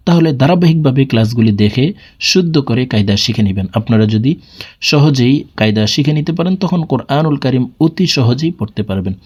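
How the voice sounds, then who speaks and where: A man teaching Quran reading, slowly spelling out letters and repeating syllable drills. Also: mid-range voice, darkish tone. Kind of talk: step-by-step recitation lesson.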